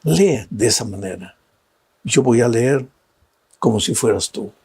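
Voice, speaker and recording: A man delivers a sermon in a deeply husky voice that is worn with gravel. He presses each point with direct questions to the listener and jumps high in pitch on key words. His voice sounds dry and close, with no room around it. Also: animated, a little slow, warm tone, no echo. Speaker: evangelist preacher.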